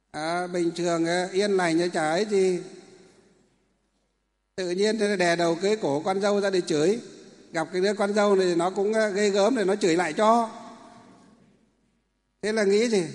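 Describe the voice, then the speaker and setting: High-voiced monk preaching in a reverberant hall. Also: male voice. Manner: asks the audience rhetorical questions, folksy and animated. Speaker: Buddhist monk teacher. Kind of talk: dharma talk to a large lay audience. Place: large hall with hundreds of listeners. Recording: long reverb of a large hall.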